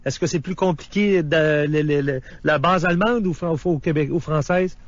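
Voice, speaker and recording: A man's voice: on the high side, moderate pace, dry recording, highs cut off. A man hosting a radio interview, asking casual, chatty questions with some restarts. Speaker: radio host.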